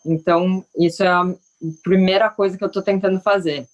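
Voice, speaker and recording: A woman's voice: mid-range voice, fairly even intonation, fairly quick, lo-fi sound. A woman guest who teaches surfing, speaking in an earnest, concerned and somewhat hesitant way. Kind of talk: casual podcast chat.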